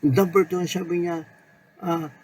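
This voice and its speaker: A man preaching a sermon in an unhurried way, mixing Tagalog and English and repeating key words. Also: high voice, steady tone, a little mellow, breathy edge, rough recording.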